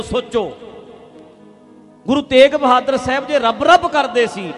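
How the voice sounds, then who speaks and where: A male preacher giving an impassioned religious speech, emphatic and full of rhetorical questions, swinging between loud and hushed. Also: high voice, big-room sound.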